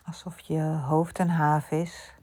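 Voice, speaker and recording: A woman guiding a listener through a slow sleep relaxation, speaking softly and often in a whisper. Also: sits low, flat delivery. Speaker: sleep meditation guide.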